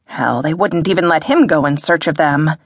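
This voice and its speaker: A woman reading an audiobook in a measured, dramatic narration. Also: low voice, no room sound. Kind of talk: scripted narration.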